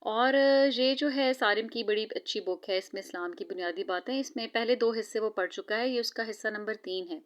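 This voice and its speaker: Smooth-voiced woman vlogging her home routine. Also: medium pitch, fairly quick, few pauses. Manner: warm, devout greetings and prayers, chatty with frequent hesitations. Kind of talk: casual vlog narration.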